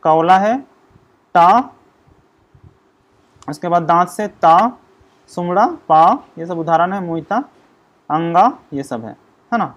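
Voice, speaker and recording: Man teaching, sounding out syllables. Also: sits high. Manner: sounds out syllables slowly, explanatory. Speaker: language teacher. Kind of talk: exam-prep grammar lesson.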